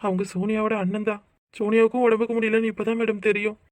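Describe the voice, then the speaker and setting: A woman's voice: mid-range voice, flat delivery, fast talker, darkish tone, no echo, lightly acted. A woman voicing a devoted young husband in a cartoon who begs desperately to save his wife, with a southern Tamil Nadu accent. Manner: begging, emotional.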